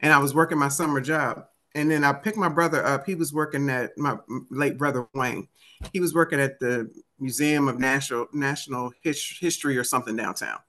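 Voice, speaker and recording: Bright, forceful woman with a DC accent. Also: a bass voice, a little fast. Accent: Washington DC. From United States, Washington DC area. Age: 50s. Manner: acts out remembered dialogue. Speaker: interview guest, author and motivational speaker. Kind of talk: animated conversational storytelling.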